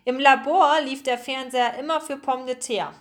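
A dreamy little storybook lab animal, voiced by a woman reading aloud, wistful and given to theatrical recitation. The voice sits fairly high. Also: steady tone, normal speed, close to an everyday voice.

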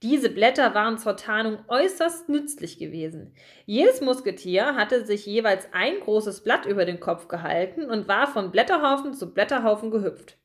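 A woman narrating a children's storybook in an expressive, lively reading voice. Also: medium pitch, moderate pace.

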